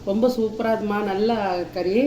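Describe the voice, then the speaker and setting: A woman's voice: medium pitch, fairly even intonation, normal speed, warm tone. A woman giving a casual, homely cooking demonstration, repeating each step and addressing viewers familiarly. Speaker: home cook demonstrating a recipe. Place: indoor kitchen. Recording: roomy echo, kitchen sizzling noise.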